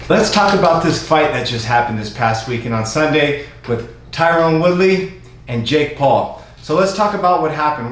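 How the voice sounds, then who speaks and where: A man's voice: a little high, a bit bright. A man hosting his own channel, explaining fight clips in a casual, repetitive recap. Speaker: YouTube commentator. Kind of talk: casual commentary over clips. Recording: very echoey room.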